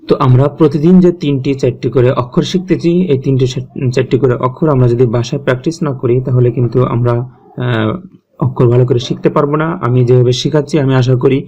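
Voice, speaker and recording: A man's voice: mid-range voice, fairly even intonation, quick pace, dark tone, lo-fi sound. A man teaching Quran recitation step by step, patiently repeating each sound and checking in with his listeners. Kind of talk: step-by-step tajweed lesson.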